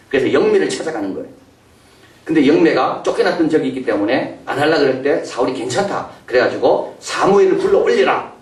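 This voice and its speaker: Animated Korean pastor in an echoey sanctuary. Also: male voice, mid-range voice. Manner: animated, acts out voices of biblical figures and parents. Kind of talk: sermon. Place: church sanctuary. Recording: roomy echo, mic from a distance.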